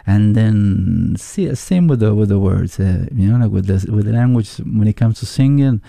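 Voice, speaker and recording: A man speaks with an Argentine Spanish accent in a very dark, gravelly voice, keeping to a low register with lively intonation. As a musician guest in a casual interview, he is thoughtful and halting, searching for the right words. The recording is close and dry, with no room sound.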